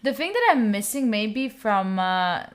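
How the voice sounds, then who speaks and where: A young adult Italian woman with an Italian accent streams live gameplay, chatting to her viewers in an animated mid-range voice at a slightly slow pace. She's chatty, talks to chat, and cheers on her character with sudden squeals.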